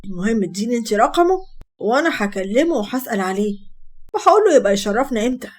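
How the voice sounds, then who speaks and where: A woman's voice: fairly high pitch, big pitch swings, quick pace. A woman voicing a teasing, protective young older brother, with an Egyptian Arabic accent and an affectionate bantering manner.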